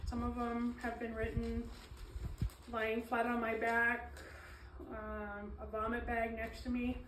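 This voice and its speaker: A woman giving a slow, earnest reading of her own poetry, pausing often with ums and apologies. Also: fairly high pitch, slight background noise. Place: small event space, indoors. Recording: echoey room, mic at a distance.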